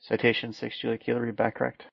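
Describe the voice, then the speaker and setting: Flat, gravelly male air traffic controller. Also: medium pitch, quick pace, no room sound. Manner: procedural, clipped phraseology. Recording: dull, lo-fi radio sound.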